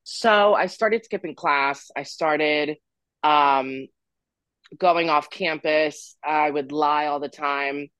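A man's voice: fairly high pitch, takes it slowly, a bit bright, clear, resonant tone, dry recording. A man in his twenties who grew up in Florida, a podcast guest telling his story in a candid, rambling way with stops and restarts. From Florida, USA. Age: 20s. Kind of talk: casual interview storytelling.

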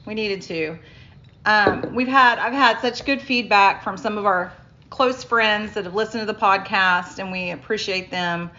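A woman's voice: mid-range voice, fairly even intonation, moderate pace, sharp tone, muffled recording. A middle-aged woman co-hosting a podcast in casual chat, laughing often, recorded on a phone. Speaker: podcast co-host.

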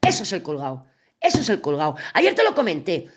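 A woman's voice: lowish voice, wildly swooping pitch, quick pace, slightly rough. A woman giving a casual daily tarot reading, talking straight to the listener, chatty and blunt, stumbling over words and laughing at herself. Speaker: tarot reader.

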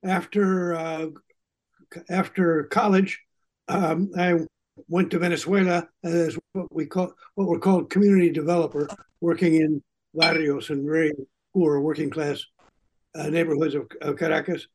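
A man in his eighties from Chicago introducing himself on a video call, with halting restarts. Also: fairly high pitch, little pitch movement, darkish tone, rough recording. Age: 80s. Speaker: panel guest.

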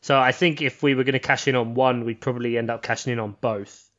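A man's voice: medium pitch, steady tone, fast talker, fairly bright tone, highs cut off. A tired man, co-hosting a podcast in casual, sweary, rambling chat. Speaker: podcast co-host.

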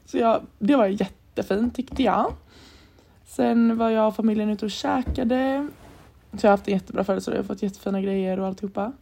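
A woman's voice: mid-range voice, creaky, mellow. A young woman from Sweden co-hosting a podcast, telling a story in casual chat and acting out the lines she quotes. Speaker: podcast co-host.

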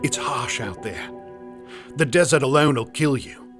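A man's voice: medium pitch, measured pace, over music, natural voice. An actor playing a brash, cheerful Australian bushman guide with a slangy, matter-of-fact way of talking. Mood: earnest.

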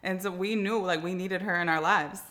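Earnest motivational woman, lower voice. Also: fairly even intonation, moderate pace, a bit bright. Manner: earnest, motivational, laughs readily. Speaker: podcast co-host. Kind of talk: casual chat.

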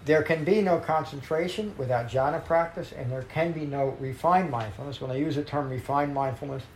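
A man leads a meditation class, reading an old Buddhist text aloud and then explaining it in a measured, emphatic way. His voice has a gravelly edge, and the room gives it a noticeable echo with a faint hum of ambience behind it. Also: fairly high pitch. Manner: measured, emphatic teaching with slowed key phrases. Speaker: meditation teacher. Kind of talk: dharma talk reading a sutta.

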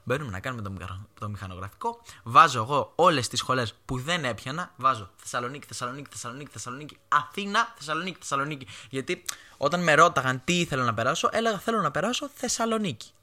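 A young Greek man hosting his own podcast, telling casual stories and acting out his family's voices. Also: mid-range voice. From Greece. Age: young adult. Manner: animated, acts out his mother's voice in quoted lines. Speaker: podcast host. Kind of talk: casual storytelling monologue.

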